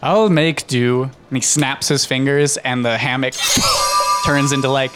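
A man's voice: medium pitch, level tone, measured pace, loud music behind the voice. A man narrating as game master of a tabletop game, loose and casual with fillers.

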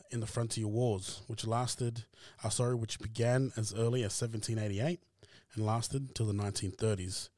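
A man hosting a podcast interview, talking in a relaxed way with many "uh" fillers. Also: lowish voice, no room sound. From Australia. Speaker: podcast host. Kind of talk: casual interview chat.

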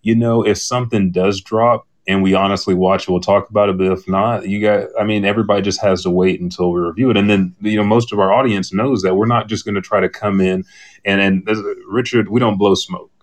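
A man with a fairly low, evenly intoned voice talks a little fast while co-hosting a live podcast panel. He chats casually and candidly, rambling and often retelling conversations as dialogue.

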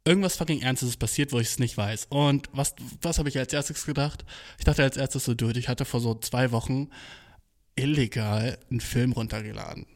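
A young man speaks at a moderate pace and medium pitch in his casual solo podcast, recorded on a cheap smartphone in a makeshift home studio. He leans hard on slang and English swear words, peppering in "Bro" and "Dude."

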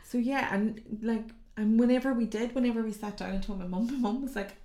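A woman with a Northern Irish accent and a gravelly voice, candidly telling personal stories in casual conversation and acting out what people said. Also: fairly high pitch, brisk. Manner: animated retelling with acted-out quotes. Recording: roomy, echoing sound.

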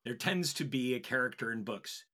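Guy on a podcast panel, bright sharp tone, thinking out loud. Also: medium pitch, animated, normal speed. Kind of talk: casual panel chat.

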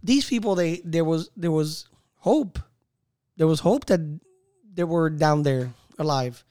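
A man's voice: fairly high pitch, unhurried, no room sound. A man with a Miami accent co-hosting a podcast, talking in a heated, casual way with lots of slang. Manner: animated, heated, talks in bro slang. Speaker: podcast co-host. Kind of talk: casual chat.

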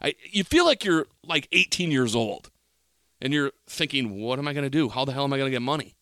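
A man's voice: mid-range voice, sing-song, a little fast, bright, forceful tone, no echo, clean studio sound. A middle-aged man, telling a rambling, profane story as a podcast co-host. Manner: rambling, profane, exaggerated rants. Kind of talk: casual chat, storytelling.

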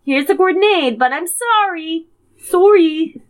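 A woman putting on a fretful, overly apologetic Canadian character with a Canadian accent in a high singsong. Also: lively intonation, slow, full character voice.

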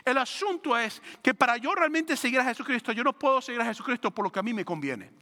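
A man preaching a sermon as pastor, swinging between loud declarations and hushed, slow passages. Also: very high-pitched, lively intonation, long reverb tail.

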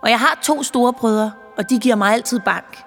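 A woman voicing an unhappy young boy who complains quickly about his family in a children's audiobook. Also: on the high side, fairly bright tone, in a large hall, soft background music. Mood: complaining.

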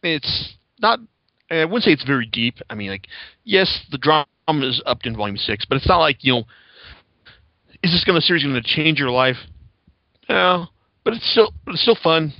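A man's voice: on the high side, sing-song, normal speed, no echo. A man hosting a podcast, chatting casually and reviewing with rambling, profane enthusiasm. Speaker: podcast host. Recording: slightly dull lo-fi sound.

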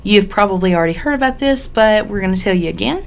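A woman's voice: medium pitch, expressive, fast, vocal fry. Chatty woman podcaster with a slight cold. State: has a cold, slightly sick-sounding. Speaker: podcast host. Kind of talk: casual, chatty podcast hosting.

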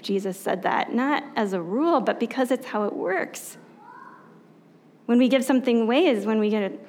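A woman pastor preaching in a relaxed, conversational way, with a voice sitting a little high. She takes her time, pausing to think and turning to her listeners with gentle rhetorical questions. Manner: thoughtful pauses with soft fillers. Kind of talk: conversational sermon.

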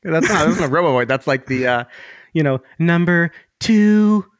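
A man's voice: medium pitch, fast, fairly bright tone, dry recording, studio quality. A man co-hosting a podcast, teasing and tossing out playful what-if questions in casual chat. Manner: teasing, jokey, asks playful hypotheticals. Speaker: podcast co-host.

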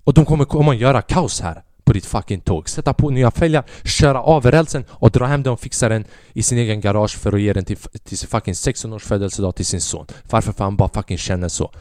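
A young man hosting a podcast, telling a comic, profane story as an animated rant. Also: lowish voice, hardly any pauses, dry recording, clean studio sound. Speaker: podcast host. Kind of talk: comedic ranting monologue.

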